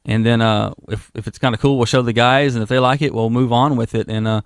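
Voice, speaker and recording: A man's voice: mid-range voice, steady tone, quick pace, smooth, dry recording. A man, the lead singer of a band, chatting casually as a guest in a radio studio, loose and laid-back. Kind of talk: casual interview chat. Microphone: studio microphone.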